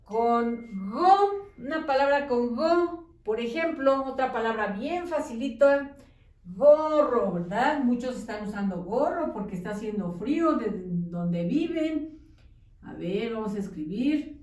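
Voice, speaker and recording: A woman teacher giving a patient lesson to young children, dictating words slowly syllable by syllable and checking in with questions. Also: on the high side, expressive, darkish tone. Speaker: primary school teacher. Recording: echoey room, distant mic.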